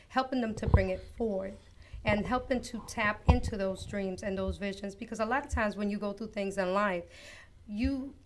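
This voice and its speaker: A woman from Costa Rica, appearing as a guest author on an interview show, tells her life story as personal testimony, earnest, reflective and unhurried. Her voice is mid-range, with a little hiss or hum in the recording.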